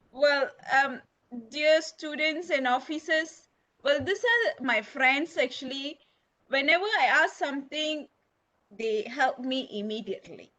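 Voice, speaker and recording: Malaysian woman on a video call, high voice, lots of ums, chatty host. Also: bright, forceful tone. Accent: Malaysian English. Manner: chatty, many fillers. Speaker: academic host of online session. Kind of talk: informal online discussion.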